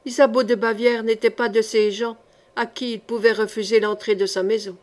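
A woman reading a historical novel aloud as an audiobook, with measured, expressive narration. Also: fairly high pitch. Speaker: audiobook reader.

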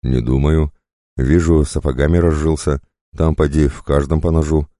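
Man playing a hoarse, terse male outlaw, growling and very deep, dark menace. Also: flat delivery, normal speed, dry recording. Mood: grim.

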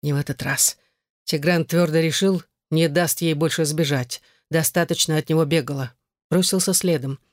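A man's voice: fairly high pitch, fairly even intonation, moderate pace, dry recording, clean studio sound. A man giving scripted narration of a romance novel audiobook.

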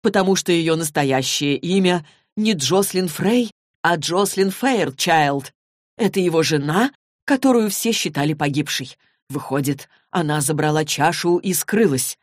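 A woman voicing an imperious fortune-teller who speaks slowly and indignantly. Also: low-pitched, animated, no echo, clean studio sound. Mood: wondering. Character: imperious middle-aged female fortune-teller. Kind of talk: audiobook character reading.

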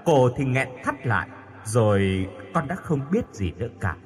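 Man reads gentle ghost daughter, soft and pleading, lively lilt. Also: medium pitch, normal speed, close to an everyday voice. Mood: tender. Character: young dead daughter, tender spirit.

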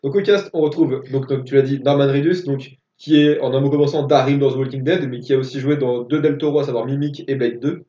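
Methodical man reading facts, mellow voice. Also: mid-range voice, fairly even intonation, brisk, hardly any pauses. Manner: methodical, reads facts and dates. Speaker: podcast co-host. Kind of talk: casual film podcast chat. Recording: echoey room, distant dull mic.

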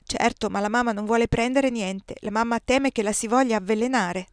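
Woman reader as anxious young daughter, earnest and soft, dry read. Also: on the high side, brisk, clean tone, no echo, pitched above the performer's own voice, lightly acted. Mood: coaxing.

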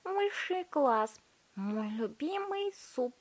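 A woman voicing a spoiled, stubborn girl who chews gum and talks in a shrill, demanding way while humming between bites. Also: very animated, drawn-out words, heavily acted. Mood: bratty, greedy.

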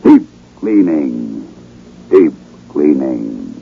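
Deep gravelly old radio show announcer man. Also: sing-song, drawn-out words. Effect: old radio show broadcast sound. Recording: tinny lo-fi old radio recording with faint hiss.

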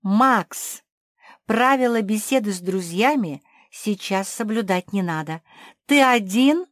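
A woman voicing a doubtful pug sister, a fussy stylist who mutters slowly and skeptically. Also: mid-range voice, expressive, dry recording, clean studio sound, pitched above the performer's own voice.

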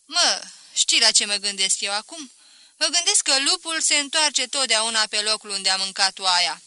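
A brash, plump widowed mother-in-law in a storybook reading, loud and teasing, a little raised in pitch, as a woman puts her on. The sound is bright and dry, close to the mic. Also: lively intonation, smooth, dry recording.

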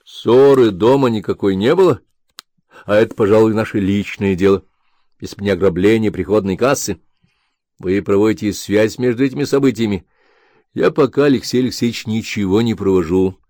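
A weary, restrained middle-aged man, read by a male narrator in a low voice. The audiobook recording is dry and close. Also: brisk, mellow, dry recording, natural voice.

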